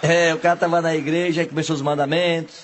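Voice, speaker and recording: A man telling a string of jokes, leaping into high exaggerated voices for the characters. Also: flat delivery, fast talker, noisy background. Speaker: joke teller. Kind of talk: telling jokes to a live audience.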